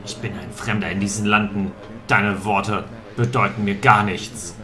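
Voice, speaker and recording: A man voicing a proud, brooding warrior from a video game, solemn, measured and theatrical. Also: fairly low pitch, little pitch movement, pushed and bright. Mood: grim, resolute. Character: brooding proud male warrior bound to cursed sword. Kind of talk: dramatic video game read-aloud.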